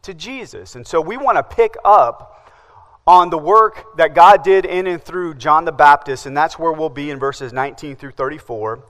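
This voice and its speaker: A man's voice: a little high, normal speed, a bit bright, in a large hall. A man preaching a sermon as pastor, asking the congregation questions and answering them himself.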